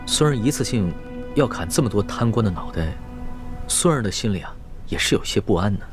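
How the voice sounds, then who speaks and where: Actor as youthful emperor, period court drama. Lower register, formal, guarded, respectful, expressive melody. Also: male voice, fairly quick, music in the background, natural voice. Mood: earnest. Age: young adult. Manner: formal, polite, careful phrasing. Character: young emperor, deferential grandson, guarded and courteous. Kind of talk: Chinese imperial costume drama acting.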